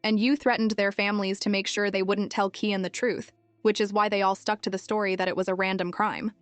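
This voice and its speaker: A woman's voice: mid-range voice, little pitch movement, fairly quick, no echo, faint music behind, close to an everyday voice. A woman voicing a cold, calculating five-year-old boy who talks with cool, clipped mockery.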